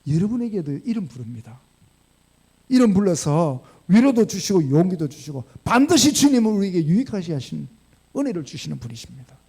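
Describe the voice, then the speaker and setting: A middle-aged male pastor, preaching a storytelling sermon that swings from quiet asides to emphatic declarations. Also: sits high, big pitch swings, fairly quick, slightly rough.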